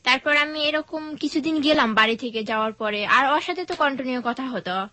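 A nineteen-year-old woman, telling her personal story as a guest, soft and hesitant in manner. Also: sits high, fairly quick, no echo. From Bangladesh.

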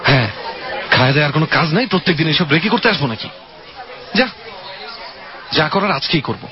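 A man's voice: on the high side, expressive, brisk, some chatter behind, natural voice. An actor playing a decisive young male student who leads his friends in an audio drama mystery. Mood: secretive, determined. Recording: muffled lo-fi, loud music behind.

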